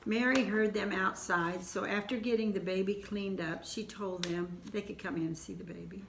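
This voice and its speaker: An older woman with an Ozark accent telling a family story in an unhurried, homespun way, with asides. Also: mid-range voice, steady tone, gravelly, fairly bright tone, reverberant, slight background noise.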